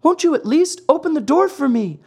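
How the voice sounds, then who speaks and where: A man's voice: very high-pitched, expressive, a little fast, gravelly, pitched above the performer's own voice, exaggerated voice. A man voicing a desperate wooden puppet boy in a storybook reading, pleading in an urgent, beseeching way. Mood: frantic pleading.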